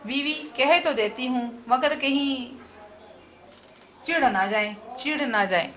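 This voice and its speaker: Woman reading as a busy, flustered housewife from a comic play, fussy and scolding, high bright voice. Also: slow pace. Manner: fussy, scolding read-aloud lines.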